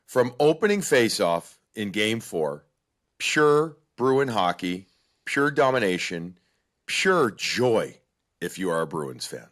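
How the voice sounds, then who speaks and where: A man co-hosting a sports podcast, talking with animated emphasis in casual chat. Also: lowish voice, slow pace. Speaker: podcast co-host.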